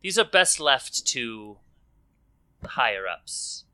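A man voicing a poised, formal noblewoman in a tabletop game, speaking quietly and in a measured way. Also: mid-range voice, sing-song, clear, resonant tone, exaggerated voice. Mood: grave.

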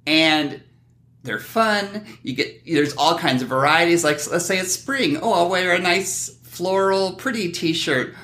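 A middle-aged man hosting a podcast with animated, joking, mock-defensive banter in a casual style. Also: high-pitched, a little slow, reverberant. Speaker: podcast host.

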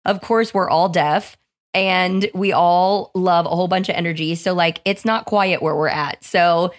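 A young woman hosting her own podcast in a hoarse voice, chatting casually and upbeat, often saying "like". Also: lowish voice, fairly even intonation, measured pace. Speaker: podcast host.

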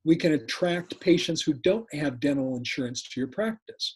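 A man in his sixties speaking conversationally as an interview guest and coach, deliberate and repeating key points. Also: fairly high pitch, animated, breathy edge. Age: 60s. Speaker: podcast guest, dental practice coach.

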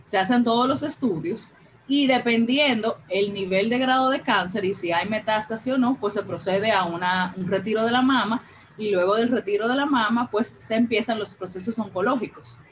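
A woman's voice: on the high side, normal speed, a little hiss or hum, poor audio. A woman, telling her personal story as an interview guest and acting out the dialogue as she goes. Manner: animated, acts out quoted dialogue.

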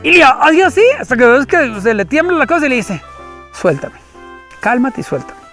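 A man, an animal rescuer interviewed as a guest, telling stories expressively and acting out the voices and shouts. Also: extremely high pitch, lively intonation, fast talker, faint music behind. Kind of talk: animated storytelling.

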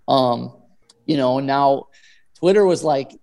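A man chatting casually and without a script, talking in a halting, rambling way like a guest chef telling stories. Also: mid-range voice, vocal fry. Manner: halting, rambling, animated storytelling with acted-out quotes. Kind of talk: casual chat, natural unscripted talk.

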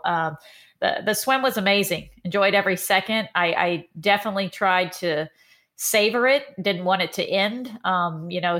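Bright-voiced Texan woman telling stories. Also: medium pitch. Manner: animated storytelling with many fillers. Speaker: triathlon coach and guest. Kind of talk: casual podcast conversation.

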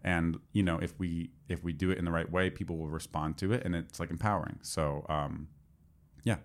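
A man's voice: low-pitched, steady tone, a little fast. A man in casual conversation, rambling with lots of fillers as he talks shop. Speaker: podcast co-host, developer. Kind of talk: casual chat.

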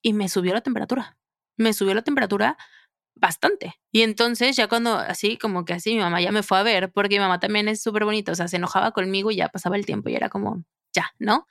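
Woman, podcast host, personal storytelling, chatty, expressive, middle pitch, dry close sound. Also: fast talker, gravelly, dry recording. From Mexico. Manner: chatty and expressive, fond of filler phrases.

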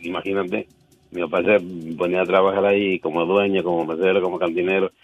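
Older man, very deep and husky, matter-of-fact, muffled phone caller. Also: little pitch movement, fast. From El Arenal, Jalisco, Mexico. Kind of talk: call-in radio chat.

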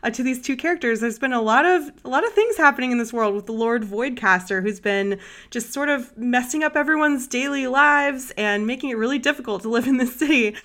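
A woman's voice: sits high, brisk, a bit bright. A woman hosting a casual podcast chat, gushing and enthusiastic. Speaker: podcast host.

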